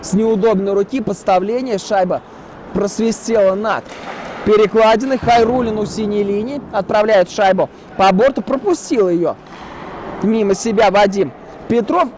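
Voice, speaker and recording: Male hockey commentator, high voice, excitable play-by-play delivery, recorded over clear venue noise. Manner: excited, rising exclamations on chances and saves. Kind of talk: live ice hockey commentary.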